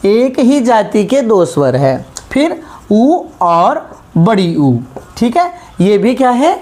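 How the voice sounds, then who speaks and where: A woman gives a classroom grammar lesson at an unhurried pace. Her pitch rises and falls widely as she stretches out sounds and keeps checking that her students follow. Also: big pitch swings, a little mellow. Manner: slow, drawn-out vowels, frequent check-ins. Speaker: Hindi grammar teacher.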